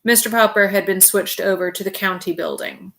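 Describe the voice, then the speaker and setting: A woman reading a children's chapter book aloud in a clear, steady narration. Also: mid-range voice, brisk. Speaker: reader.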